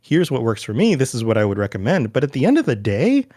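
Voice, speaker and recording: A man talking as a guest on a podcast in an easygoing, conversational way. He rambles a little, fills pauses with "like" and "you know," and acts out little quoted remarks as he goes. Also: medium pitch. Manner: relaxed and chatty, with many fillers and quoted asides. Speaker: guest, podcast network founder. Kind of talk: casual interview chat.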